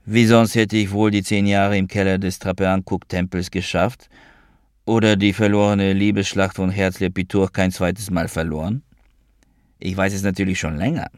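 A man's voice: deep voice, little pitch movement, moderate pace, dry recording, clean studio sound, lightly acted. A man doing a scornful, boastful monk. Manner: mocking, snapping. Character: irritable scornful male monk.

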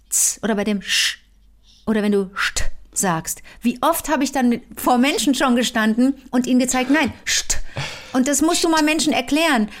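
A woman co-hosting a relaxed conversation, with a somewhat high voice. She laughs often and pokes fun at herself between her points, keeping things casual and chatty. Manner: laughs often, self-deprecating. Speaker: podcast co-host. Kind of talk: casual chat.

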